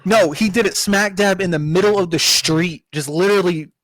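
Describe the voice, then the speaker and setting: Animated young man telling a profane story. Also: high voice, moderate pace, very noisy. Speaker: podcast co-host. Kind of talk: casual chat.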